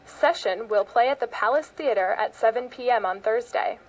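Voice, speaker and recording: A woman's voice: fairly high pitch, normal speed, highs cut off. An American woman reading a scripted news feature as a public radio host and reporter.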